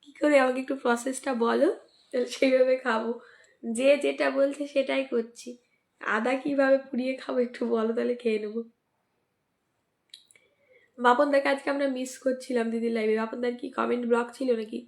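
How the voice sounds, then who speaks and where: Female live-stream host, croaky from a cold, slightly high pitch. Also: fairly even intonation, brisk, long pauses, a little mellow. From West Bengal, India. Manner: greets and thanks commenters by name, asks for mentions. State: sore throat and cold, coughing. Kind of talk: casual live-stream chat with viewers.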